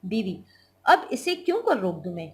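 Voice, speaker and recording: A woman teacher reading the lines of a flustered, snappish housewife from a play, sounding exasperated and hurried. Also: mid-range voice, big pitch swings, darkish tone, slight background noise, close to an everyday voice. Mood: worried.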